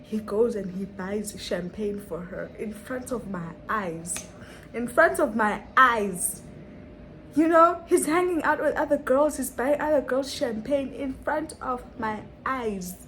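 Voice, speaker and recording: A woman's voice: a little high, expressive, unhurried, fairly bright tone, slight background noise, rough recording. A young woman telling a dramatic story on her vlog, full of rhetorical questions and repetition. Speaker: vlogger.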